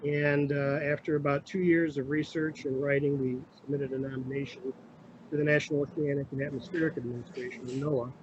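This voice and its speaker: A middle-aged man, a county administrator, giving a formal, halting presentation to a committee over a crackly remote phone line that fades in and out. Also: fairly high pitch, level tone. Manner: halting, with many filler sounds. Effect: crackly remote phone line, fading in and out.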